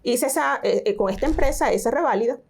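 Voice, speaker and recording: A middle-aged woman talks as a guest in an interview, her voice sitting a little high. She is a teacher and lays things out patiently, step by step, slipping in fillers and English school terms as she goes. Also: fast talker, creaky, a little mellow. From Venezuela. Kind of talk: interview conversation.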